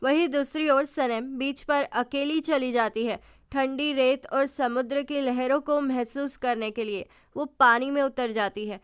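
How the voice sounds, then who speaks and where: A woman narrator retelling a drama episode in steady storytelling. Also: sits high, measured pace, clear, resonant tone, no room sound, clean studio sound.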